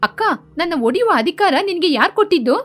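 A woman's voice: very high-pitched, animated, fast talker, faint music behind, pitched above the performer's own voice. A woman voicing a proud, defiant young woman educated in the city, speaking sharply and indignantly. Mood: outraged.

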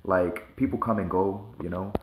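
A man's voice: low voice, fairly even intonation, moderate pace, echoey room, slight background noise, rough recording. A man musing casually in a loose, slang-heavy monologue full of fillers. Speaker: vlogger.

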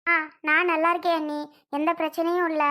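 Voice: very high voice, flat delivery, brisk. A child playing a tearful young wife. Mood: sad. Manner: soft, pleading, apologetic. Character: tearful young married woman, gentle and pleading. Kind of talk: homemade family drama.

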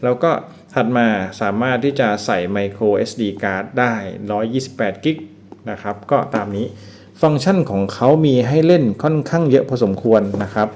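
A man giving a relaxed, casual product review, explaining each feature step by step. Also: mid-range voice, normal speed, slight background noise. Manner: relaxed, explains step by step with frequent polite particles.

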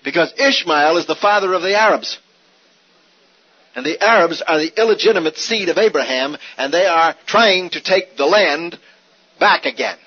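The voice is male, a little high and slightly rough, at a moderate pace. He's a Bible teacher giving an animated sermon on Scripture, using rhetorical questions and repetition to drive points home on a dull, older recording.

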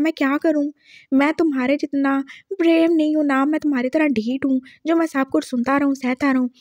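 A woman's voice: high-pitched, no room sound, clean studio sound. A woman voicing a tearful, touchy young man who complains in a whiny rush.

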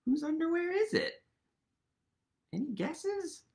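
Reading a picture book to children indoors at home, this man in his thirties uses a very high-pitched, creaky voice with lively intonation and a slow pace. He plays up the wonder with exaggerated delight and keeps asking his young audience questions.

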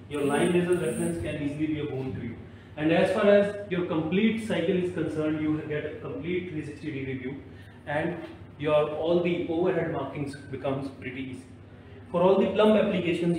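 A man's voice: on the high side, a little mellow, slight background noise. Indian man with an echoey, distant sound. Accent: Indian English. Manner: persuasive, keeps recommending. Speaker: product presenter. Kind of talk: on-site product demo chat. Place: construction site, then service center.

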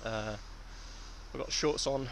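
Young English man, cycling vlogger, out of breath, middle pitch, outdoors, clear wind and road noise. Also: takes it slowly. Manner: chatty, breathless between climbs. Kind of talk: casual vlog talk to camera. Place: outdoors on a bike on country lanes. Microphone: action camera on the bike, close.

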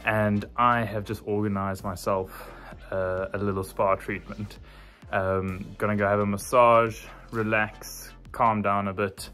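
Man, lower-pitched voice, casual travel vlog, talking to camera, faint music behind. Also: flat delivery, measured pace, pushed and bright. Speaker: travel vlogger.

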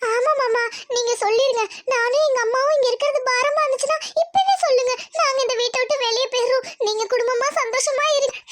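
A scheming young niece, voiced by a woman for a cartoon drama. Her voice is extremely high and sharp-tongued, and she sounds self-pitying and put upon. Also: quick pace, few pauses, noisy background. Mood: aggrieved. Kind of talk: Tamil cartoon drama dubbing.

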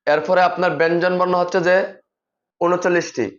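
A man with a fairly high voice teaches the Bangla alphabet slowly, letter by letter. He keeps setting a wrong pronunciation against the right one in a repetitive classroom manner. The recording sounds dull and lo-fi. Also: flat delivery, a bit bright. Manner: addresses viewers as brother, repetitive teaching phrases. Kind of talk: pronunciation lesson.

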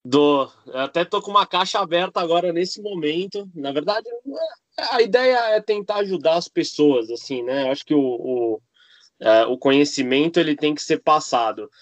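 Rambling man, slightly high voice. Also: lively intonation, normal speed, no room sound. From Argentina. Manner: rambling, many fillers and restarts. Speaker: podcast guest, cook and architect. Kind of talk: casual interview chat.

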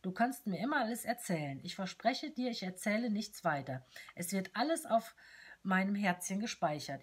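A woman's voice: medium pitch, a little hiss or hum, lightly acted. A woman reading as a tiny cheerful companion doll. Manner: chirpy, playful letter reading. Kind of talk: reading a letter aloud.

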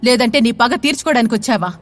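A woman's voice: fairly high pitch, animated, fast, a little hiss or hum, lightly acted. A woman voicing a stern woman scolding a drunk man.

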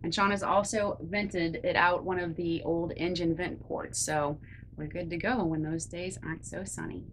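A woman in her thirties, a sailing vlogger, explaining her boat's power setup in a clear, informative tour-guide way from inside a cramped engine room. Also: fairly low pitch, a little hiss or hum.

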